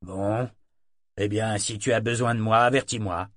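A gruff, worn-out ship's mate speaks low and slow, with clipped, curt replies, as a male narrator plays him. The recording is dry and close to the mic. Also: fairly even intonation, fairly bright tone, no room sound, close to an everyday voice. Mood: weary.

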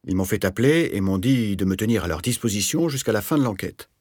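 A man's voice: expressive, quick pace, a little mellow, breathy edge, dry recording, clean studio sound. A man voicing an anxious, touchy middle-aged rentier in an audiobook, speaking in a raised, agitated voice. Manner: agitated, defensive, raised pitch. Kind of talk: audiobook character voice.

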